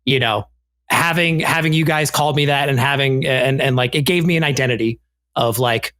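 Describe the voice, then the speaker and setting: A man who produces a podcast, speaking in a heartfelt, halting way with many fillers. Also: medium pitch, fairly bright tone, no echo. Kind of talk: casual chat.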